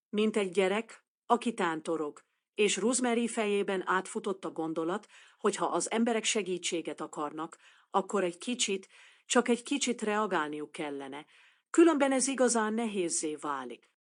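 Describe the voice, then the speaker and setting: A woman narrating a short story as a bilingual audiobook, reading in a calm, measured way. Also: medium pitch.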